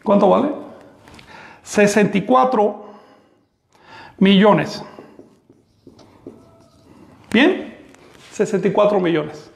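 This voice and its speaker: A man's voice: sits high, slow pace, gravelly, long pauses, roomy sound. A man giving a live online math class, who explains step by step, asks the class questions and makes the odd sarcastic aside. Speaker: teacher of vigesimal math.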